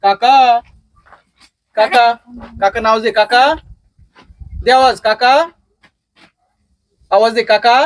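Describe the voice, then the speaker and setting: Sex: woman. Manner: slow, coaxing pet talk. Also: a little high, steady tone, dry recording, rough recording. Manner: repetitive, sing-song prompting of single words.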